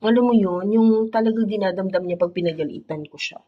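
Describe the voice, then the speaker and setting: A chatty woman recounts stories about her pets with lots of laughter. Her voice is husky and mid-pitched. The recording sounds dull and muffled. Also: fast. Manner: chatty and animated, laughs often. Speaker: vlogger, cat owner. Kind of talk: casual storytelling.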